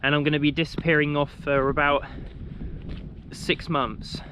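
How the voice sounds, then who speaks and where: A man's voice: fairly high pitch, level tone, moderate pace, pushed and bright, slight background noise. A young man from England walking outdoors and chatting to a handheld camera, rambling with many ums and restarts. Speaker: walking vlogger. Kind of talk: casual talk to camera while walking. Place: outdoors on a country walk.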